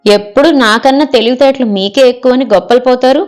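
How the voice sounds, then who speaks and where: A woman's voice: high-pitched, fast, darkish tone, faint music behind, pitched above the performer's own voice, lightly acted. A woman reading the part of a picky middle-aged wife in an audio story, scolding and rejecting every suggestion.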